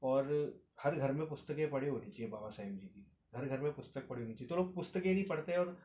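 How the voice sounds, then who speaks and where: A man's voice: medium pitch, animated, fast, mellow, roomy sound, highs cut off, a little hiss or hum. A man interviewing a guest, asking long, rambling questions with hesitations and fillers.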